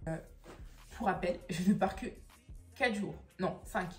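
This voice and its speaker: A woman, chatting casually to camera in a vlog, talking quickly with many fillers. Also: fairly low pitch, music in the background. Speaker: vlogger.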